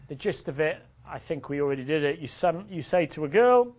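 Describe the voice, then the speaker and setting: A man gives a blunt, joking seminar talk as a dating coach. His voice sits a bit high for a man. The recording is dull and lo-fi. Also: expressive, a little fast. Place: seminar room. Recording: dull lo-fi audio.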